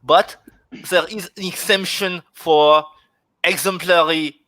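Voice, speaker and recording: A man doing a slow, pompous mock-German church official, bright and dry. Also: sits high, steady tone, no room sound, exaggerated voice, poor audio. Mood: mock-solemn. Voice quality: halting, deliberate delivery with many pauses. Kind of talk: video call chat. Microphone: video call.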